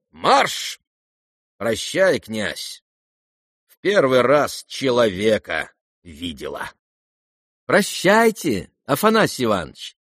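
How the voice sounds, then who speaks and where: A man voicing a proud, reckless young woman who is defiant and theatrical, calling out loud commands in a raised voice. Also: medium pitch, no echo, clean studio sound, heavily acted. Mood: bitter farewell.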